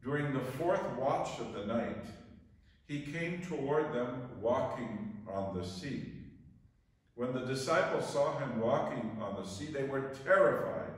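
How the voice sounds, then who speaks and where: Slow-speaking priest in cathedral echo. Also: male voice, medium pitch, expressive. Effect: heavy church echo from a distant mic. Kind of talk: gospel proclamation and homily. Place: large church. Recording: echoey church hall, distant mic.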